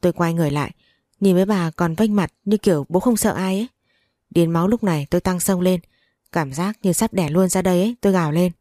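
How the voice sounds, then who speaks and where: A woman's voice: on the low side, fast talker, warm tone, no room sound, clean studio sound. A woman narrating a dramatic first-person story.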